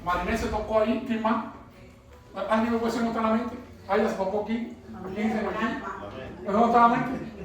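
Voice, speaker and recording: A man's voice: high-pitched, steady tone, moderate pace, a bit bright. A middle-aged man from Cuba, preaching a sermon and calling on the congregation to repeat phrases after him. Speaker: pastor. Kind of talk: sermon with call-and-response. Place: church hall. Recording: echoey hall, voice far from mic.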